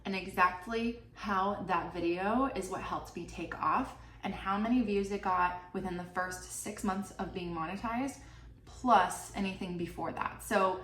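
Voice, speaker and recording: In a casual talking-head vlog, a young YouTuber chats about her channel earnings, her medium-pitched voice stuffed up from a cold and full of "like" and "you know." The mic sits slightly distant in a roomy space, with faint hiss behind her.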